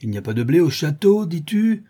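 A man voicing a brawny village wheelwright who leads a rioting mob, shouting and booming. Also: a little fast, husky, close to an everyday voice. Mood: defiant. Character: brawny male village wheelwright, rebel leader.

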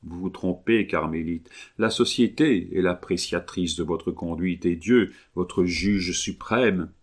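A man's voice: deep voice, takes it slowly, exaggerated voice. A man reading an audiobook, voicing a tormented young man who pleads in despair. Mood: grave. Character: anguished pale young Breton man in love.

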